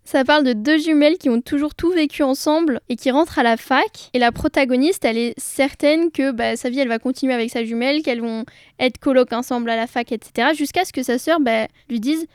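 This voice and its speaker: A woman's voice: sits high, a little fast, clean tone, no echo, studio quality. A young woman casually talking about books she loves, enthusiastic and chatty, with frequent hesitations. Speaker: book vlogger. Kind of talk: casual book chat.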